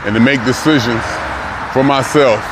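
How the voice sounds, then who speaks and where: Man in his sixties, mid-pitched, thinking aloud, pauses and restarts, outdoors, traffic noise. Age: 60s. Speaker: vlogger. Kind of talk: reflective personal vlog. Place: outdoors on a city street, walking. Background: passing cars and street noise.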